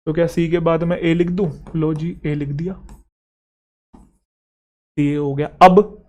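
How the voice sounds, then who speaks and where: A man teaching English grammar for exam preparation, explaining step by step and checking in with quick rhetorical questions. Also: high-pitched, a little mellow. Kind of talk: Hindi exam-prep lecture.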